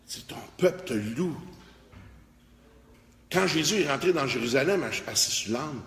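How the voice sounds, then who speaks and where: A man preaching a lively Bible study with a Québécois French accent, breaking into shouted praise words. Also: a little high, a little slow. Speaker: pastor. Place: church. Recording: echoey church hall, faint noise.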